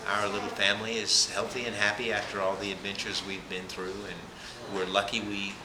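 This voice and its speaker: A man being interviewed, telling his story in a plain, relaxed way. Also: fairly low pitch, normal speed, over a noisy crowd. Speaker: interviewee, sailor. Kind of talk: casual interview. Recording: echoey room, loud party noise.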